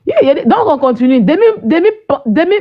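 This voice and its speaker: A woman's voice: high voice, sing-song, a little fast, muffled recording. A woman hosting a live stream, ranting at her viewers in a combative, mocking way and often asking "hein?".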